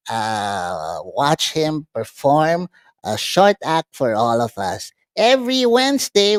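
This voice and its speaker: A live-stream host with a Filipino accent, making casual announcements and sponsor plugs in a halting way that stumbles over words. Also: mid-range voice, dry recording. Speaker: show host reading sponsor thanks.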